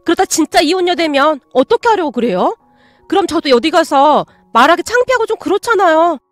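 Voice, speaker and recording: A woman's voice: extremely high pitch, expressive, fairly quick, no room sound, soft background music. A woman voicing a snide, meddling young wife who talks down to her sister-in-law. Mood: needling. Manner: needling, condescending.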